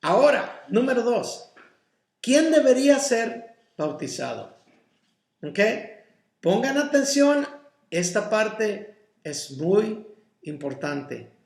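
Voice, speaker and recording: A male pastor and native English speaker leads a Bible study in a high, gravelly, slightly mellow voice, very animated yet teaching slowly and deliberately. He mixes in English words and pauses to check in with listeners, his voice ringing around an echoey church room.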